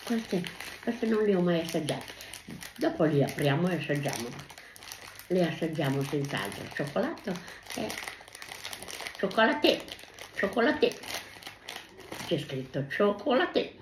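A woman's voice: fairly low pitch, sing-song, measured pace, long pauses. An older woman, a grandmother, talking in a casual home video; she is effusive, repeats her thanks over and over and breaks into sing-song exclamations. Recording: echoey room with faint noise.

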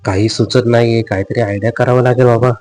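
A man's voice: mid-range voice, fairly even intonation, fast talker, a little mellow, no room sound, close to an everyday voice, poor audio. A man voicing a flustered young husband. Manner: hesitant, fumbling, repeats himself.

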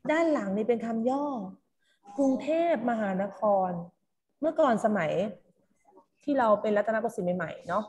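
A woman's voice: on the high side, animated, moderate pace, a little mellow. A woman teaching a primary class online, coaxing pupils to read along. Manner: coaxing, calls pupils "ลูก" and leads choral reading.

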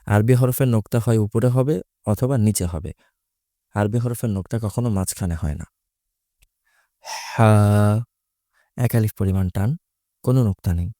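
A man's voice: fairly low pitch, quick pace, warm tone, no echo, studio quality. A man teaching Quran recitation, explaining Arabic letters patiently and methodically, repeating each letter's sound.

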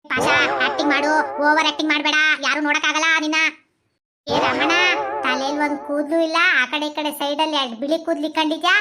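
A performer playing a scolding old village woman with a Mandya Kannada accent, talking fast. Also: high voice, flat delivery, sharp tone, soft background music. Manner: scolding, bossy.

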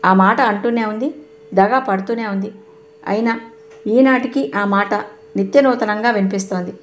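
A woman's voice: medium pitch, normal speed, highs cut off, a little hiss or hum, natural voice. Woman voicing a sarcastic, accusing young husband. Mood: mocking. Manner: cutting, accusing questions.

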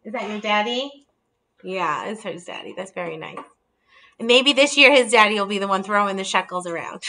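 A woman in her thirties, friendly and holding up books as she explains, hosts a casual video call from her dining room to share holiday table ideas. Her laptop camera picks up a mid-range voice with lively intonation at a normal speed, sounding pushed and bright.

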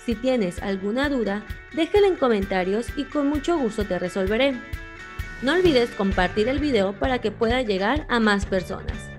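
Clear, patient woman teaching grammar. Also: fairly high pitch, moderate pace, soft background music. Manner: clear, patient, reads example sentences with expressive emphasis. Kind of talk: friendly grammar lesson.

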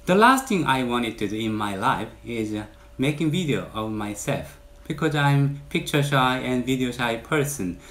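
A Korean man in his forties, with a Korean accent and an expressive, medium-pitched voice, introduces his realtor channel to the camera from a bright indoor room. He speaks earnestly in measured phrases, lifting his voice to stress key words.

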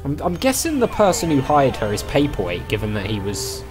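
A man's voice: medium pitch, wildly swooping pitch, brisk, over music. A man hosting a let's play, thinking aloud in casual, tentative game commentary. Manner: musing, tentative.

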